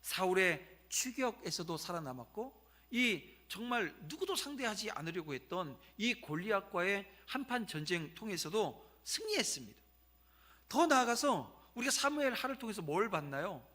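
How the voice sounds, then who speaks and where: Korean pastor guy preaching, kind of high voice, bright, tells stories to the crowd casual-like. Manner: storytelling, conversational asides to the congregation. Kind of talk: sermon. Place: church sanctuary.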